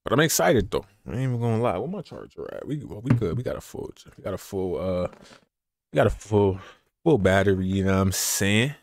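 Laid-back young man hyping a stream, low voice. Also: lively intonation, a little fast, a little mellow, no echo, clean studio sound. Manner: laid-back slangy hype talk, repeats phrases. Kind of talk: casual live gameplay commentary.

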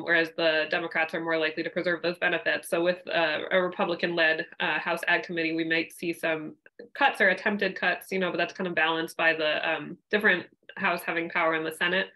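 A young woman on a video call explaining farm policy, talking in a halting way with many fillers and restarts. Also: lowish voice, flat delivery, bright, forceful tone, poor audio. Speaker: regional policy staff. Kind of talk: panel discussion. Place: home room.

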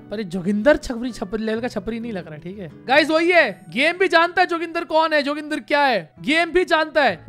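A young man giving casual, joking gameplay commentary as a gaming YouTuber, excitable and repeating phrases in quick bursts. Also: extremely high pitch.

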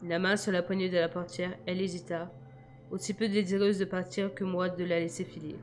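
A woman reading a novel aloud in a measured, quiet first-person narration. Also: fairly low pitch, level tone, faint music behind. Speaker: audiobook reader.

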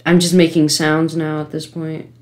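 A woman giving let's-play commentary from her home computer setup, frustrated, pleading with the game and breaking into sudden gasps and yells. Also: low-pitched, flat delivery, moderate pace. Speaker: gamer.

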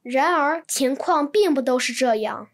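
A woman reading translated textbook sentences in an even, clear manner. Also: high voice, measured pace. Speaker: Chinese translation reader.

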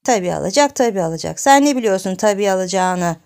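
A woman's voice: medium pitch, lively intonation, fast, gravelly, darkish tone. A woman playing a cheeky bragging little boy. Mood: taunting. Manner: taunting, bragging.

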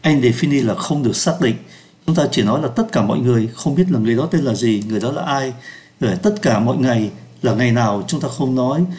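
Man slowly teaching French pronunciation. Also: medium pitch, darkish tone. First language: Vietnamese. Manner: slows down to pronounce French words. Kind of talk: lesson explaining pronunciation.

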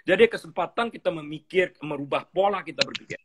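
A husky, slightly high-pitched man in middle age speaks as a pastor in a relaxed interview. He tells stories animatedly, acts out little dialogues and mixes English phrases into his talk. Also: a little fast. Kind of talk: conversational teaching interview.

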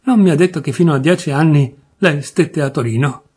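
A man doing a scheming middle-aged man, all false courtesy and ingratiating politeness. The voice is husky and slightly high, the manner smooth. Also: brisk, a little mellow. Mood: smooth, feigned polite.

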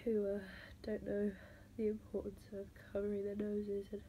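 A vlogger with a stuffy nose from a cold chats casually to camera, speaking slowly in a half-whisper with sighs, fillers, and halting pauses. Her voice is medium-pitched and mellow, with a completely flat delivery. Noisy background hiss runs under the recording.

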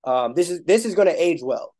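A man's voice: a little high, expressive, a little fast, mellow. A man in his thirties hosting a podcast interview over a video call, talking in an easy, affirming way. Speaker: podcast host. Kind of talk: casual interview chat.

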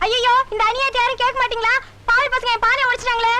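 A shrill, wailing village woman. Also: little pitch movement, racing. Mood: lamenting. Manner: loud, lamenting, cursing. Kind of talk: film comedy dialogue.

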